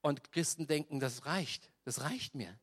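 A man preaching a lively sermon, telling a story with acted-out voices and often asking "ja?" of the congregation. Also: fairly high pitch, measured pace, slightly rough. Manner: animated storytelling with voiced asides; tags many sentences with "ja?". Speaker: pastor.

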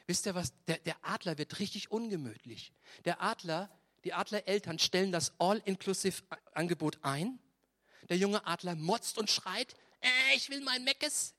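A man preaching a lively sermon, telling a story with acted-out voices and often asking "ja?" of the congregation. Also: sits high. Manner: animated storytelling with voiced asides; tags many sentences with "ja?". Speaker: pastor.

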